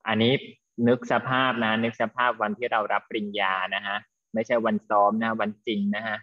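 A man teaching an English class to students, explaining slowly and patiently and affectionately calling them "child". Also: lowish voice, flat delivery, highs cut off. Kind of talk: online class lesson with students.

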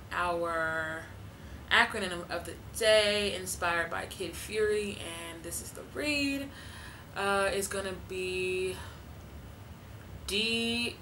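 A woman's voice: on the low side, bright, forceful tone, slight background noise, rough recording. A woman in her twenties chatting casually to camera from her living room, talking loosely with lots of fillers and laughs. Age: 20s. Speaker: vlogger.

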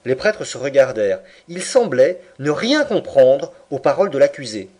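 A man narrating a classic novel in an expressive, animated reading. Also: medium pitch, moderate pace. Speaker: audiobook reader.

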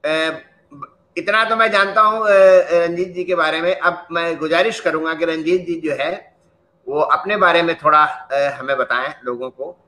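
A male host speaks with slow deliberation, pausing often as he introduces his guest. His voice sits a little high and sounds bright and forward. The delivery is formal and measured. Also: steady tone, rough recording. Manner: slow, measured, with frequent hesitations. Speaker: interviewer and host. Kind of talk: formal Hindi interview introduction.

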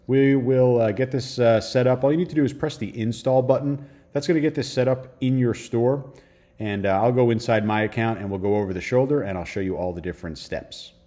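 A young adult man walking viewers through a software tutorial in an upbeat way, often tagging his sentences with "right?". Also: mid-range voice, a little fast. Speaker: online business course creator. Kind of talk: screen-share software tutorial.

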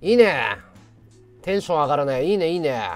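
A man in his thirties chats casually on his livestream, breaking into loud, excitable bursts of thanks. His slightly high voice swoops up and down. Faint music plays behind him. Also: a little fast. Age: 30s. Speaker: livestream host.

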